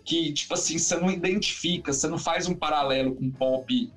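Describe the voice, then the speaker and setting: A man, a musician, talking in a casual interview in a rambling, animated way, full of fillers and restarts. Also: a little high, quick pace, faint music behind. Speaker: musician guest.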